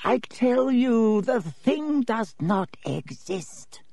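A man voicing an old male ghost history professor with a dry, reedy voice and a slow, pedantic, dismissive way of lecturing. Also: extremely high pitch, sing-song, warm tone, dry recording, voice pushed up, heavily acted.

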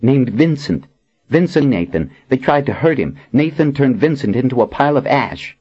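A man's voice: mid-range voice, expressive, normal speed, breathy edge, muffled recording, pitched above the performer's own voice. A man voicing a cheerful young woman who speaks with eager, breathless adoration.

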